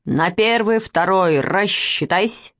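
A woman reading a storybook, voicing a boastful middle-aged military officer who barks drawn-out commands. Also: mid-range voice, fairly bright tone, no echo, clean studio sound. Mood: commanding.

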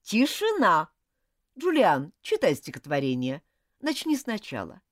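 A woman's voice: fairly low pitch, huge pitch swings, measured pace, no echo, clean studio sound. A woman voicing a fierce, scolding schoolteacher. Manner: sharp scolding, loud and cutting. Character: strict, quick-tempered female French schoolteacher. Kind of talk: audiobook character voice.

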